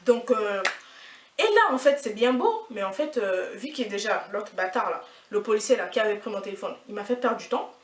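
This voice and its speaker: A woman's voice: mid-range voice, fairly quick. Indignant young woman, echoey distant mic. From France. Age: 20s. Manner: indignant, animated, repetitive slangy retelling. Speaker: vlogger. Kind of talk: casual storytime.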